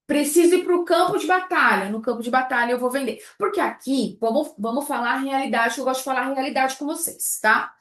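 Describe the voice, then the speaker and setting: Lively woman teaching in an echoey room. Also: high-pitched, fairly quick, few pauses. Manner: lively, rhetorical questions to the audience. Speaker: baking business instructor. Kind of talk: live online class.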